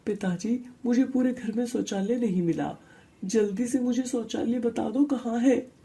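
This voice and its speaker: A woman voicing an earnest young man back from his studies in the city, pressing his father about village life in an animated story. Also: lowish voice, measured pace. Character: educated young village son, earnest reformer.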